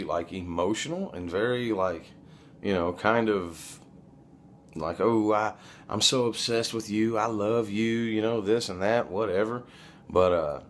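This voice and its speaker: Here a man tells rambling, confessional personal stories in a casual vlogger style, speaking bluntly and with profanity. His pitch is fairly low, and there's slight noise in the background.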